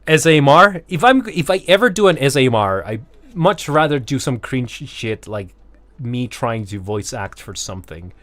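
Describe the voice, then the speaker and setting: A man's voice: mid-range voice, sing-song, normal speed, fairly bright tone, no room sound. A man streaming a video game, chatting casually and loosely with his chat, swearing freely and laughing at himself.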